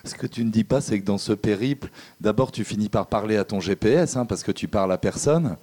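A man's voice: lowish voice, fairly quick, a little mellow. A man moderating a live book talk in front of an audience, friendly and teasing. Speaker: event host. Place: public hall with audience.

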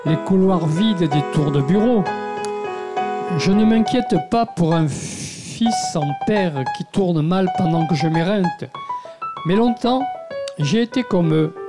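A man reading a literary text aloud to an audience in a measured, intimate storytelling manner. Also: sits high. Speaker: guest reader. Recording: piano playing behind the voice. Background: piano music.

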